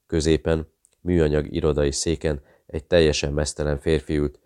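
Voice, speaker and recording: A man's voice: rumbling low, level tone, darkish tone, smooth, no room sound, studio quality. A man steadily narrating a thriller audiobook.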